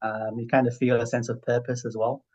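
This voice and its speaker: A man's voice: mid-range voice, little pitch movement, fairly quick, a little mellow, dull audio. A middle-aged man with a broad Yorkshire accent, giving reflective, conversational interview answers and often checking for agreement. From Yorkshire, England. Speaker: interview guest, healthcare finance professional.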